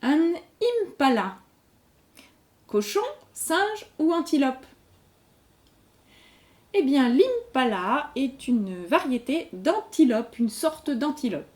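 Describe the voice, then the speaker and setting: Sing-song and high, with a darkish tone, the quiz host's voice moves slowly and pauses often. She reads each general-knowledge question twice, slow and clear, and patiently explains every answer.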